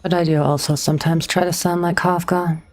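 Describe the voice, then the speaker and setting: Low-voiced woman streamer chatting casually. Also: flat delivery, fairly quick, a little mellow. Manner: chatty, a bit awkward, reads and answers chat. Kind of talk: casual livestream chat.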